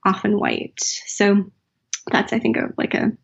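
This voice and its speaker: Unhurried, creaky, and husky, her medium-pitched voice carries thoughtful, searching answers in this reflective interview. The woman, a writer and teacher from the United States, restarts and uses filler, and the recording is dull and lo-fi.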